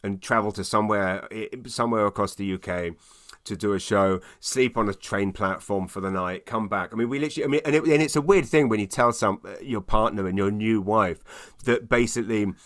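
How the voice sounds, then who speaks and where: A British man, a stand-up comedian, telling a comic anecdote in casual conversation in an animated, self-deprecating way with stammered repeats. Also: fairly low pitch, brisk.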